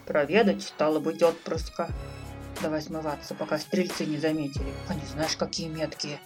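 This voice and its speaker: A woman voicing a slow, folksy male elk who gossips knowingly in a storybook tale. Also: low voice, fairly even intonation, music in the background, lightly acted. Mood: drawling. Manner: drawling, folksy.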